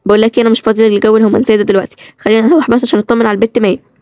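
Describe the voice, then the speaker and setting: A woman doing a teasing young heroine, Egyptian accent, quick talker, dark mellow tone, dry close sound. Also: flat delivery, dry recording, lightly acted. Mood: playful. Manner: bantering, quick, higher-pitched. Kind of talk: storybook role-play series.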